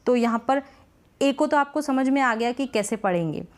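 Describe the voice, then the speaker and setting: A woman's voice: fairly high pitch, lively intonation, moderate pace. A woman teaching beginners to read English, patiently repeating each point and asking herself rhetorical questions. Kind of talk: explaining phonics lesson in Hindi.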